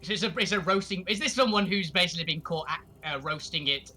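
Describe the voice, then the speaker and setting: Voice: medium pitch, quick pace, pushed and bright, soft background music. A player in an online tabletop game, casual and giggly, laughing often while talking.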